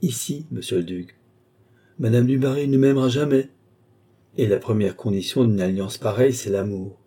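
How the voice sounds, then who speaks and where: A man's voice: mid-range voice, moderate pace, dark tone, slightly rough. A man reading an audiobook, voicing a guarded, eloquent duke in middle age who speaks in long, earnest, courtly speeches. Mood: declaiming. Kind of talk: audiobook reading of a classic novel.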